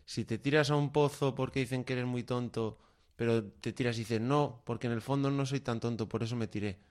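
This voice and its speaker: Rambling jokey co-host, medium-pitched man. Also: steady tone, a little fast, darkish tone. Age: 30s. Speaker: comedy podcast co-host. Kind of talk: casual comedy chat.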